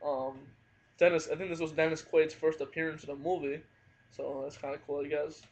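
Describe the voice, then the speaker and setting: A man's voice: fairly high pitch, flat delivery, fairly quick, a little mellow. A man giving a casual spoken movie review at home, hesitant and full of fillers. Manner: hesitant, frequent fillers and hedging. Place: at home, family nearby. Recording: dull lo-fi home recording.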